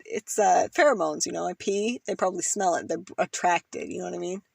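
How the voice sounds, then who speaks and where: A woman's voice: lowish voice, brisk, creaky, husky, no room sound, studio quality. A woman co-hosting a podcast in casual, crude chat, laughing often. She is from Canada and her throat is tickling. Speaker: podcast co-host.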